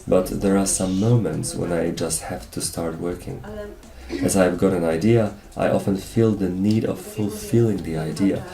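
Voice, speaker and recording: A man's voice: deep voice, creaky. A man reading a scripted interview voice-over in formal, stilted phrasing. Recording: roomy echo, music behind. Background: music.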